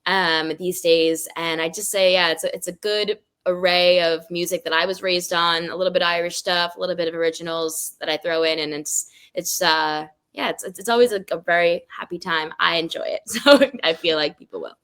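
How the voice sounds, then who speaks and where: Bright-voiced animated woman singer guest. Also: on the low side, fairly quick, hardly any pauses, clear, resonant tone. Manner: animated storyteller, laughs often. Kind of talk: casual interview.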